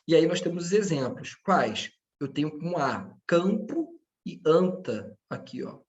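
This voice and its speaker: Man, teacher, slightly high voice, patient, addresses students, close mic. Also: expressive, measured pace, dull audio. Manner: patient, checks in often with 'tá?'; speaks to his students directly. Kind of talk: online grammar lesson.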